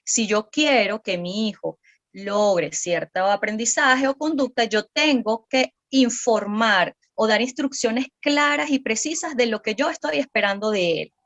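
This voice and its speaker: A woman's voice: on the high side, unhurried, a bit bright, lo-fi sound. A woman, a psychopedagogue guest on a podcast, explaining parenting patiently with many fillers and tag questions.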